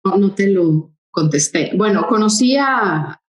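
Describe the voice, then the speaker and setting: A woman's voice: medium pitch, lively intonation, highs cut off. Woman from Mexico City in an echoey room. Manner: conversational, hesitant fillers, quick in bursts. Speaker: guest. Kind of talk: interview storytelling.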